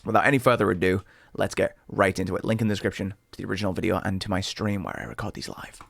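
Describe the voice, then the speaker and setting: A man hosting a music reaction video, talking casually and excitedly, often tripping over his words as he rambles. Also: low voice, racing, gravelly, no echo. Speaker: reaction channel host.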